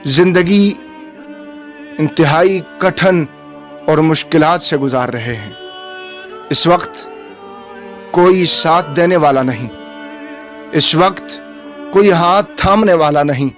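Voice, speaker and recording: Man, field reporter, formal solemn delivery, slightly high voice, faint music underneath. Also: slow pace, pauses often. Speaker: reporter host.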